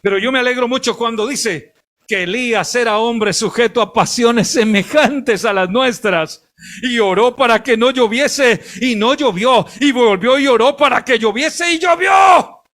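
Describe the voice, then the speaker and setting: A man preaching a sermon as a missionary, emphatic, bursting into shouts and chuckling with his audience. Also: extremely high pitch, a little slow.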